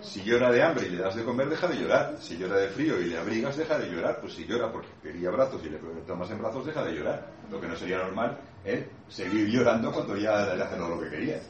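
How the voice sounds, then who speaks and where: A man's voice: on the low side, lively intonation, quick pace, hardly any pauses, muffled recording. A man giving a classroom lecture, explaining patiently with playful acted asides to his audience. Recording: echoey room, mic far off, faint noise.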